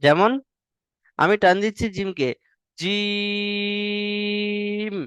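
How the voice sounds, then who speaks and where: A man's voice: on the high side, expressive, moderate pace, a bit bright, smooth, no echo. A male teacher, patiently drilling Arabic letters in an online class and stretching the sounds long. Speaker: Quran reading teacher.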